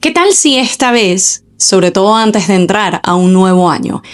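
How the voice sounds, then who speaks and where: A woman's voice: medium pitch, lively intonation, unhurried. A woman in her thirties with a Venezuelan accent, hosting a casual solo podcast from home and chatting with listeners, sprinkling English words into her Spanish. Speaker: podcast host. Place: home, indoors.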